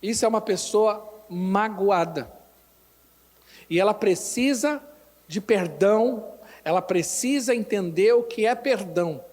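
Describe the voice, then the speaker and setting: A male Brazilian pastor preaching a sermon, acting out church members in animated asides. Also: high-pitched, a little slow. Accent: Brazilian Portuguese. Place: church hall. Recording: church hall reverb.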